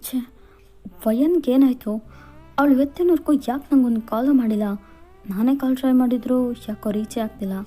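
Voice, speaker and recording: A woman's voice: high-pitched, moderate pace, warm tone, pitched above the performer's own voice. A woman voicing an anxious young man who urgently worries about his missing girlfriend in a fan fiction voiceover. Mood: worried.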